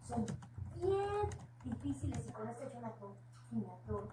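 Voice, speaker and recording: A woman's voice: a little high, big pitch swings, moderate pace. A woman with a Mexican accent, preaching informally at a house church meeting, earnest and conversational, with homely personal asides. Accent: Mexican Spanish. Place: room at a home church gathering. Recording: echoey room, distant mic, noisy background.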